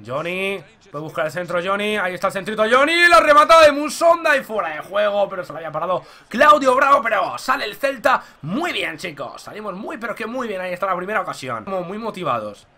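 A young man from commentating his own football video game match, talking to viewers and shouting at goals. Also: sits high, quick pace. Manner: excitable, shouts at goals, addresses viewers as "chicos". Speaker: gaming YouTuber.

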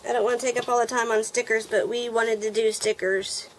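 Gushing excited woman unboxing gifts. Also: a little high, a little fast, a little hiss or hum, poor audio. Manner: gushing, excited, thanks the sender over and over. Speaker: nail art vlogger opening a swap package. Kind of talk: casual unboxing chat.

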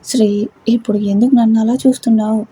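A woman doing a charming young husband in a told love story, breezy and teasing. The voice is husky and breathy, mellow and a bit high for a man. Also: fairly even intonation, fast talker, poor audio. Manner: casual, teasing.

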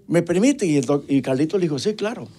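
A man's voice: a little high, animated, quick pace, mellow. A middle-aged man gives a personal testimony in a TV interview, acting out dialogue with religious fervor. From Costa Rica. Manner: vivid storyteller acting out dialogue, fervently religious. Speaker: interview guest.

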